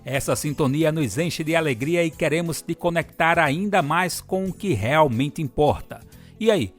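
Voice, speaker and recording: A man hosting a radio program, presenting in a friendly, upbeat scripted style that speaks straight to the listener. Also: fairly high pitch.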